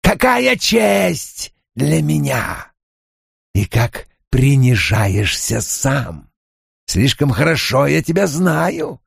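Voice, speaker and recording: A male narrator voicing a menacing ancient dark lord who speaks in gravelly, drawn-out, taunting threats. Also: fairly high pitch, dry recording, clean studio sound, pitched above the performer's own voice, full character voice. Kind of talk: audiobook character voice.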